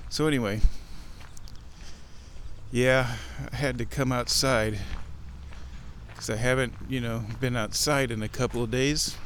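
Walking outdoors amid light wind and breezy ambience, a podcast host and chairman offers rambling observations for his casual show. His mid-range voice is steady and fairly bright, and he goes unhurriedly, pausing often.

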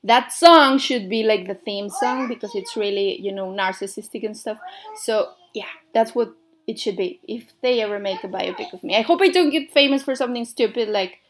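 A young Mexican woman, a native Spanish speaker, hosts a casual radio show in a medium-pitched voice at a moderate pace. Her accent blends Mexican with American English, and she rambles, saying "like" and "I don't know" a lot.

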